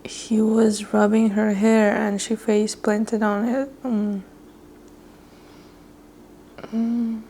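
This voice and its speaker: A woman's voice: mid-range voice, little pitch movement, takes it slowly, mellow, slight background noise. A young woman chatting casually on camera as she reads a romance novel, retelling the characters' lines in a chatty way and laughing often. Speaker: book vlogger. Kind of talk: casual read-along commentary.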